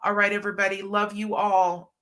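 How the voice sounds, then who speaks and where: A middle-aged livestream host reads viewer comments in a chatty, affectionate way, calling people hun and honey, though allergies leave her stuffed up and slightly scratchy. She talks briskly at a medium pitch, her delivery flat and her tone fairly bright.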